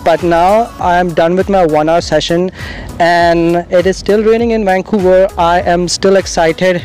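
A man vlogging casually to a handheld camera, upbeat and halting, with frequent filler sounds. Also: high voice, fairly even intonation, a little mellow, soft background music. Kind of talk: casual vlog talk to camera. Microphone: handheld camera mic.

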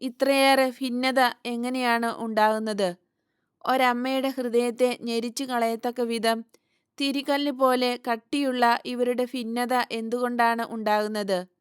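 A woman voicing a grieving middle-aged mother who pleads loudly and with anguish about her family. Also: on the high side, level tone, measured pace, clean tone, no room sound, studio quality, lightly acted.

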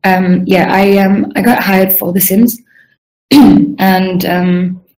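A young woman from Sweden, a UI designer answering questions on a video call, chatty and rambling, often clearing her throat. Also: mid-range voice, fairly even intonation, takes it slowly, a little mellow, rough recording. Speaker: guest UI designer. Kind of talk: casual online Q&A.

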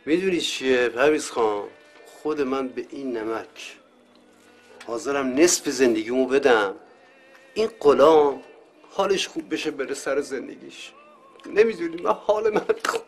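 An actor playing a humble middle-aged caretaker who speaks politely and deferentially. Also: male voice, mid-range voice, soft background music, lightly acted. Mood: grateful.

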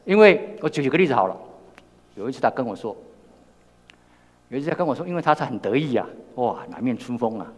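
A man's voice: mid-range voice, sing-song, quick pace, long pauses. An older man with a Taiwanese Mandarin accent preaching a sermon, telling a personal story with many repeated words and restarts. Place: church hall. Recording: long reverb in a church hall.

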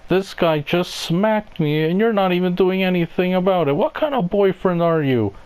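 A man's voice: high-pitched, animated, normal speed, a little mellow, clear, resonant tone, poor audio. A man voicing a bratty, demanding young girlfriend in an amateur cartoon skit, whiny and indignant. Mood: indignant whining. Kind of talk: amateur animated comedy skit acting.

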